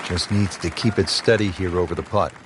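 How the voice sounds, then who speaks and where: A man playing a smooth golf play-by-play announcer. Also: low voice, steady tone, brisk, crowd noise, background noise, natural voice. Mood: measured. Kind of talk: golf broadcast commentary.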